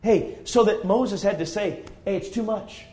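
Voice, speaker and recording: A man's voice: sits high, measured pace, mellow. A man in his forties preaching a fervent, emphatic sermon full of repetition. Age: 40s.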